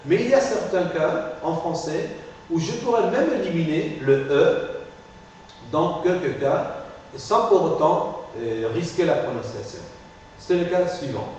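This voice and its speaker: A man's voice: a little high, animated, a little slow, a little mellow. A man teaching a phonetics class. He explains step by step and keeps checking in with "ok?". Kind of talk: classroom lecture. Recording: echoey classroom from far off, faint hiss.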